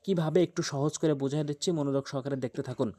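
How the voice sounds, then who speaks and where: A man's voice: a little high, steady tone, mellow. Patient man teaching Quran pronunciation. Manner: patient, repeats points and urges attention, with frequent hesitation fillers; slow, drawn-out chanting when sounding out syllables. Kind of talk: tajweed lesson with spelled-out examples.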